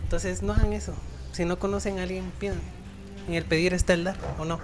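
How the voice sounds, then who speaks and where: A man's voice: high-pitched, flat delivery, a little fast, over music. Slangy man hosting. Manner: slangy, joking. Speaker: podcast host. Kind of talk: casual podcast chat.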